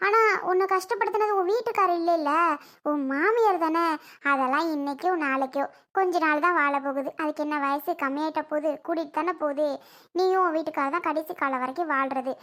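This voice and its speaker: Woman as a pleading sister-in-law, very high voice, bright tone, repeats herself, home-made family drama skit. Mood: earnest. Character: persuasive young woman, coaxing sister-in-law.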